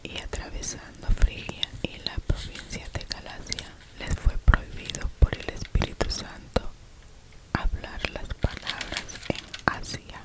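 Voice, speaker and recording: A person whispers scripture as ASMR at a measured pace, cupping a hand and keeping the mic very close to the mouth so it sounds like it's in the ear. The recording is rough.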